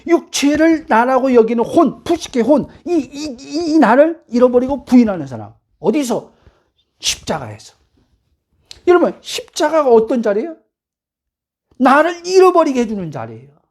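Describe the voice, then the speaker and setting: Preaching at home in a high-pitched voice, this woman pastor challenges her congregation with rhetorical questions. She climbs to near-shouts whenever she wants emphasis.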